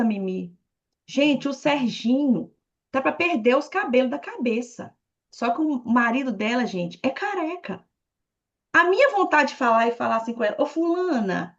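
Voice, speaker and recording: A woman from Brazil speaks high and bright with a playful, talkative manner. She addresses her listeners directly as she explains her points. The call audio is muffled and lo-fi. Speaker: guest speaker on leadership. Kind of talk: animated talk on a video call.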